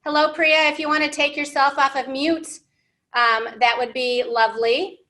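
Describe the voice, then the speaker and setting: With a high-pitched, steady voice that sounds pushed and bright, an American woman in her thirties speaks at normal speed while hosting library storytime. She's seated at a whiteboard indoors, giving young English learners simple, encouraging, teacherly prompts and questions.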